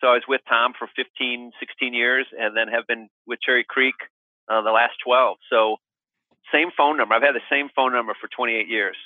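A man's voice: mid-range voice, steady tone, moderate pace, no room sound. A middle-aged man chatting casually as an interview guest over a thin, phone-like connection. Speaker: podcast guest, mortgage professional.

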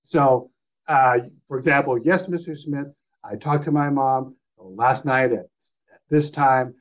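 A man's voice: mid-range voice, unhurried. A middle-aged man telling a personal story as an interview guest, in a loose, rambling way, acting out old phone calls in different voices. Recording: slightly dull lo-fi audio.

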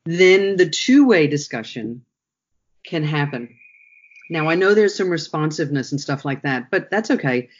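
A man, a workshop trainer, talking through his ideas in a relaxed interview, often restarting his sentences as he thinks. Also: a little high, moderate pace, dull audio. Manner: reflective, thinks aloud with frequent restarts.

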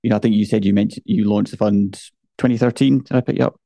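A man's voice: fairly low pitch, steady tone, fast, gravelly, mellow. A man co-hosting a podcast in a casual, conversational style. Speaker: podcast co-host.

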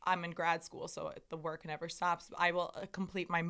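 A woman's voice: fairly low pitch, flat delivery, moderate pace, vocal fry, fairly bright tone, smooth. A young woman in her twenties co-hosting a podcast, talking in a candid, rambling and self-deprecating way with lots of fillers. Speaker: podcast co-host. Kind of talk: casual chat.

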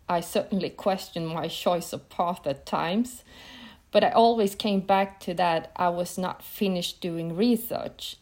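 Swedish-native woman, 50s, low voice, earnest measured podcast guest. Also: a little mellow. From northern Sweden. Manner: careful, earnest, some non-native phrasing. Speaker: guest, professor of entrepreneurship. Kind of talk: podcast interview answers.

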